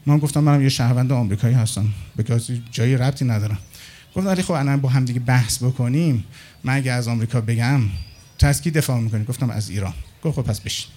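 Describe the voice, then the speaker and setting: A middle-aged man telling anecdotes in a casual monologue, acting out the other people's lines as he goes. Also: mid-range voice. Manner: animated, acts out dialogue with others in his anecdotes. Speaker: storyteller.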